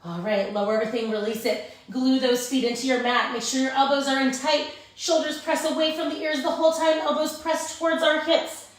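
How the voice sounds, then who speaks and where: A woman's voice: sits high, fairly even intonation, a little fast, few pauses. Very echoey room, distant mic, woman, Pilates instructor, cueing and counting, encouraging, informal. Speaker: Pilates instructor leading a class. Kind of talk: live fitness class instruction, cueing and counting.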